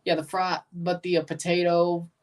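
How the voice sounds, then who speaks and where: A man's voice: high voice, flat delivery, moderate pace. A man with an American accent hosting a livestream watchalong, chatting informally and rambling in short, casual bursts. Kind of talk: casual livestream chat with match commentary. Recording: voice some distance from the mic.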